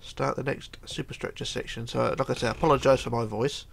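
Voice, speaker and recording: This tutorial host, a middle-aged man with a cold, speaks fast in a creaky, medium-pitched voice with fairly even intonation. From his home computer desk he walks through a casual game build, chatting, counting blocks aloud, and mumbling along the way.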